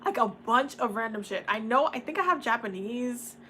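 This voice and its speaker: Chatty young woman from the dominican republic, bright slightly high voice, laughs a lot, faint hiss behind. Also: lively intonation, moderate pace. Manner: chatty, laughs often, casual slang. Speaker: tarot and oracle reader. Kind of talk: casual livestream chat.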